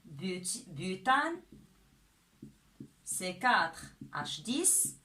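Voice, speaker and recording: A woman's voice: lowish voice, sing-song, pushed and bright. A woman teaching a chemistry lesson step by step, often checking in with "d'accord?". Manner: slow and deliberate, often asks "d'accord?".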